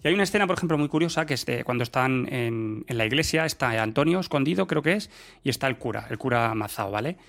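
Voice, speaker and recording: A man's voice: medium pitch, expressive, quick pace, gravelly, fairly bright tone. Man leading a casual show recap. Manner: leads the recap, asks rhetorical questions. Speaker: podcast co-host. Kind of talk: casual chat reviewing a TV series.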